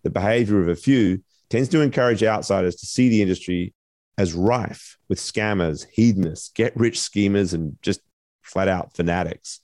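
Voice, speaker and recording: A man co-hosting a podcast, reading a measured intro and then musing aloud in a thoughtful, filler-laden way. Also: deep voice, a little mellow, no room sound. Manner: measured, thoughtful, many "you know" fillers. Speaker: podcast co-host. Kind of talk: scripted intro then casual discussion.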